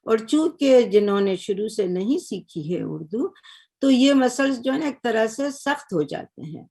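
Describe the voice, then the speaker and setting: An older woman giving a lecture on Urdu, explaining patiently and measured, often checking in with her listeners. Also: on the high side, expressive, gravelly, mellow, slightly rough. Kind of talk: recorded lecture.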